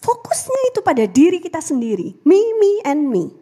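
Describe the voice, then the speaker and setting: A woman preaching a lively sermon, calling out to the congregation and dropping to a whisper on prayer lines. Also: extremely high pitch, normal speed.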